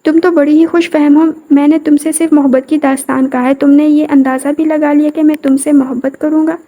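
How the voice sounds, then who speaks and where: A woman's voice: high-pitched, level tone, warm tone, close to an everyday voice. A woman reading the lines of a rude, domineering young husband in a scripted audio novel, in a mocking, commanding way.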